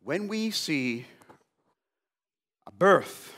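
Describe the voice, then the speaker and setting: A man's voice: a little high, very animated, extremely slow, fairly bright tone. A male pastor preaching in short phrases for an interpreter, building to emphatic outbursts. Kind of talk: sermon with interpreter.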